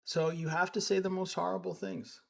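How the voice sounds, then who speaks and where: A man's voice: high voice, flat delivery, moderate pace, vocal fry, a bit bright. A man giving live stream commentary as he reacts to clips, indignant and sarcastic, rambling with frequent restarts.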